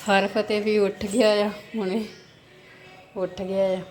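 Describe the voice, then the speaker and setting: A young Punjabi-accented woman in a casual family vlog, mixing slow, easy talk with cooing baby talk to her son. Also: medium pitch, level tone, faint music behind. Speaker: vlogger, mother.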